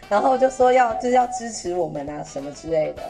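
A young woman with a Taiwanese Mandarin accent telling a story on a podcast, animated and laughing, acting out an old customer's lines in Taiwanese. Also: mid-range voice, a little fast, soft background music. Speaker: podcast host. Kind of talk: casual chat, storytelling.

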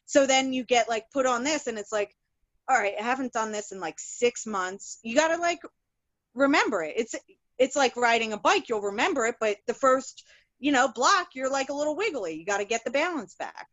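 A talkative woman plumber in a casual conversation, her voice sitting a little high. She rambles with plenty of "like" and false starts. The recording is dry and close, with no room sound. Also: fairly quick, dry recording, highs cut off. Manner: chatty, rambling, many fillers and restarts; animated, laughs while telling stories. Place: works in Philadelphia.

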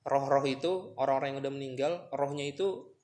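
A man's voice: mid-range voice, brisk, darkish tone. A man chatting casually as a podcast co-host, telling a long story and acting out its dialogue. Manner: storytelling, retells scenes with quoted dialogue.

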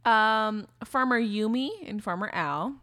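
A woman's voice: medium pitch, measured pace, fairly bright tone, no echo, studio quality. A woman co-hosting a podcast in casual, rambling chat, full of restarts and fillers. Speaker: podcast co-host.

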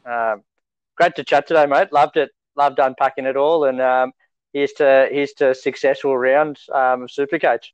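Aussie bloke on a sports podcast, clear smooth voice, dry close sound, matey chat. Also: male voice, medium pitch, steady tone, moderate pace, no echo, dull audio. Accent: Australian. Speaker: fantasy rugby league podcast co-host.

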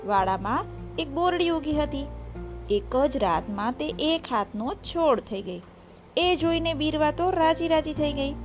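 A woman tells a children's story in a warm, expressive, sing-song way. Her voice sits high. Soft music plays faintly under her narration.

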